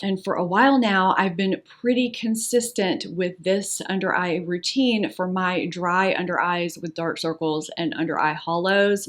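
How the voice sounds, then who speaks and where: A middle-aged woman narrating a beauty vlog, walking through her skincare routine in a polished, friendly way. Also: on the low side. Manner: polished, friendly product explainer. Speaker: beauty vlogger.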